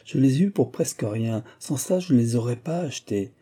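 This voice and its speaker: A man voicing a naive young man who earnestly defends a bad bargain, in a raised, husky voice. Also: medium pitch, animated, fairly quick, dark tone.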